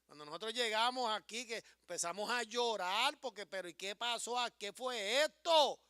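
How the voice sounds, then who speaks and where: Impassioned preacher man, very high and bright voice, dry close sound. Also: expressive, moderate pace, smooth, no room sound. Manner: impassioned, swings from hushed storytelling to rising declarations. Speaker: pastor. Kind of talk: sermon.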